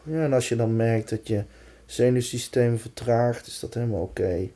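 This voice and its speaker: A man guiding a breathing and body-awareness exercise in a calm, reassuring way, leaving pauses between short instructions. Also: mid-range voice, a little hiss or hum. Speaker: relaxation and breathwork guide.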